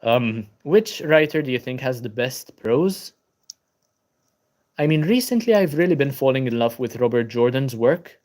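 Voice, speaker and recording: A tired young Maltese man, a native Maltese speaker from Malta, chats on his book channel livestream from a laptop at home. His voice sits in the mid-range and moves at a moderate pace. Relaxed and full of ums, he greets viewers by name while reading their comments aloud and answering them.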